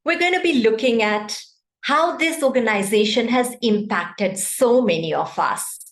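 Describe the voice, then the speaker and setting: Over video call, a Kenyan woman gives a prepared speech at an online meeting as a club speaker, regularly putting questions to her audience. She sounds animated, on the high side, and measured in pace, with an echo from the room.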